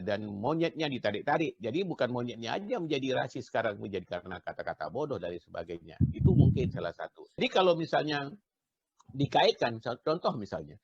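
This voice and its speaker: A man's voice: medium pitch, gravelly, breathy edge, no room sound, lo-fi sound. A man who explains his points with examples in a casual discussion.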